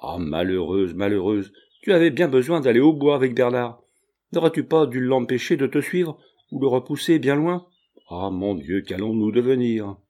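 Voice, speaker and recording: A man's voice: medium pitch, animated, moderate pace, warm tone, natural voice. A man reading an audiobook, voicing a fretful, talkative old peasant mother who laments and exclaims. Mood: dismayed.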